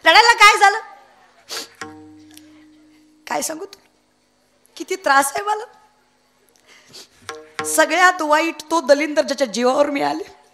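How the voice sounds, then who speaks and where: A woman's voice: high-pitched, normal speed, pauses often, a bit bright, faint music behind. A young woman giving a comic devotional kirtan sermon, telling a story, breaking into sung verses and teasing the audience. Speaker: kirtan preacher.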